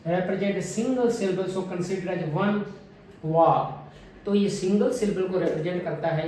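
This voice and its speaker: A man teaching a phonetics lesson, deliberately modelling each vowel sound over and over. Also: on the high side, mellow, a little hiss or hum. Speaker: English pronunciation teacher. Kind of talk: phonetics lesson with drilled repetitions. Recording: very echoey room, mic at a distance.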